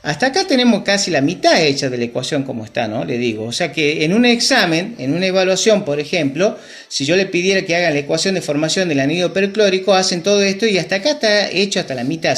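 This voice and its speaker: A man's voice: sits high, lively intonation, fast talker, fairly bright tone. A man teaching a chemistry lesson, patiently explaining steps and checking in with his students. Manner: patient, checks with students, repeats key terms. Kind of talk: classroom lesson at a whiteboard.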